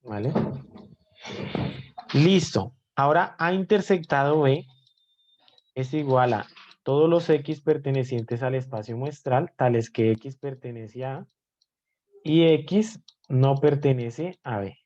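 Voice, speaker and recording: A man's voice: mid-range voice, slow, pauses often, a little mellow, muffled recording. Man teaching a live online class. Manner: explanatory, checks in with students often. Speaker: math teacher.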